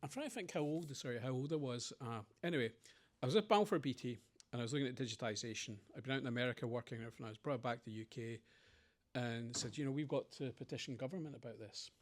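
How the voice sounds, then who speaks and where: A man's voice: medium pitch, fast. A middle-aged Scottish man speaking on a panel, telling rambling stories and acting out the people in them. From Scotland. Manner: rambling anecdotes with quoted voices. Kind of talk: conversational Q&A storytelling.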